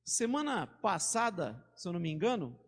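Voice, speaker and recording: A male pastor with a Brazilian Portuguese accent preaches in a very high voice. His sermon is conversational, with stories and casual slang. The sound rings out with a long reverb, as in a church hall. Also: very animated, normal speed, a bit bright. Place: church sanctuary.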